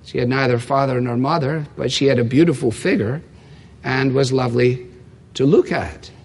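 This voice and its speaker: A man's voice: medium pitch, moderate pace, a little mellow, slightly rough. A man preaching an expository sermon, emphatic, repeating key lines and asking rhetorical questions. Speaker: pastor. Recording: long reverb from a large hall.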